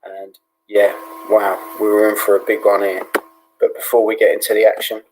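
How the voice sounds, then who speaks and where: A British man hosting a live fight watch-along in a hushed, half-whispered voice, relaxed and full of ums and yeahs. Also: on the low side, normal speed, noisy background. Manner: relaxed, with many fillers like um and yeah. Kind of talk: low-key live fight commentary.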